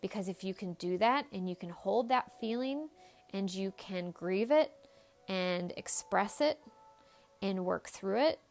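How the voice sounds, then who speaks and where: A woman in her thirties hosts her own podcast and tells a story from her life. She talks candidly and with feeling, and she swears freely. Her voice sits at an ordinary middle pitch for a woman. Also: animated, a little slow, a little mellow, soft background music. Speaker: podcast host, psychologist. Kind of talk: personal storytelling monologue.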